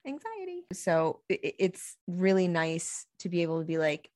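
A woman co-hosting a podcast, telling stories in an animated, quick way with quoted back-and-forth. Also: lowish voice, no echo, studio quality. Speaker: podcast co-host. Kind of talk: casual podcast chat.

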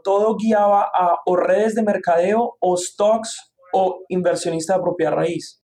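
A man in his thirties, his voice sitting high for a man, with a Medellín Colombian accent. He tells his story earnestly, with many small fillers, as an interview guest. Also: mellow. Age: 30s. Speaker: guest, real estate investor.

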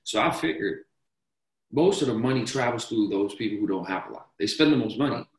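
Talking investing as a podcast guest, a young man from Denmark speaks briskly and expressively in a lowish voice. The casual interview is reverberant, and he rambles, restarting sentences and repeating words often.

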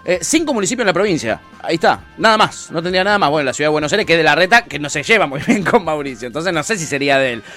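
Animated high-voiced Argentine man. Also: racing, hardly any pauses, soft background music. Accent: Argentine Spanish. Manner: animated, mock-newscaster storytelling. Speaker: co-host. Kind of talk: casual chat show banter.

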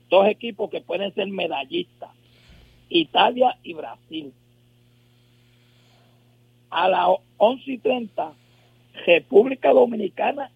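A man with a Puerto Rican accent calling in by telephone as a sports analyst, chatting casually and filling pauses with little tag words. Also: high voice, creaky, breathy edge, dry recording. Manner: chatty, fills pauses with "este" and "¿verdad?". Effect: heard over a telephone line. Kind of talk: casual radio sports chat. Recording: tinny dry phone line.

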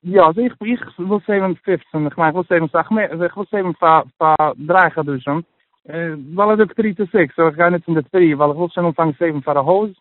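Male interview guest, higher-pitched, hesitant with lots of restarts and English mixed in, phone-line quality. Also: dry recording. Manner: halting, many restarts, mixes in English phrases. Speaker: guest sharing his personal budgeting story. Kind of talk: casual interview chat.

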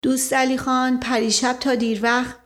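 A rattled old male servant, put on by a woman narrating a novel rambles and dodges. His voice climbs noticeably high as he hedges with stock phrases. He sounds evasive and flustered throughout. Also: level tone, natural voice.

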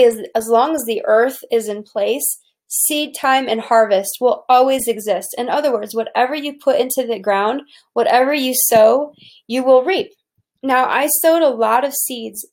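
A woman's voice: fairly high pitch, a little mellow. A woman who runs a soap business gives an earnest, preachy motivational talk about profit and faith, often restarting her sentences.

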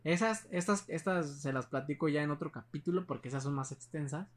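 A young man with a Mexican accent tells a spooky story to a friend, rambling and full of slang. He restarts his sentences often. His voice sits a little high for a man. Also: fairly quick. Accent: Mexican Spanish. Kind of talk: casual chat, telling a ghost story.

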